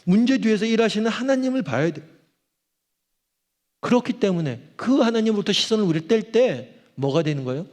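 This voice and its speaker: A man's voice: sits high, expressive, brisk, darkish tone. A man, a pastor, preaching a sermon and asking the congregation questions as he drives his point home. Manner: emphatic preaching, asks the congregation questions and acts out cries to God. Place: church auditorium. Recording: long hall reverb.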